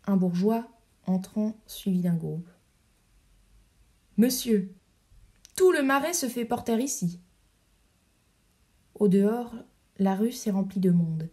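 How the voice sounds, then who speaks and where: A woman narrating an audiobook of a play, reading the stage directions in a measured, even way. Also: medium pitch.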